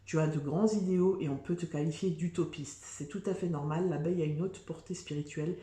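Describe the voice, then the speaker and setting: A woman's voice: deep voice, steady tone, a little fast, mellow, reverberant. A woman giving a casual, chatty tarot reading, full of fillers, restarts and "tu vois". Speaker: tarot reader.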